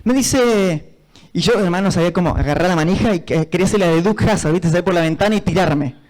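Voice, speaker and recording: A man with an Argentine Spanish accent, preaching a sermon in church as pastor, telling stories with fervent passion and rising to shouts. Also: high-pitched, fast talker, low-quality recording.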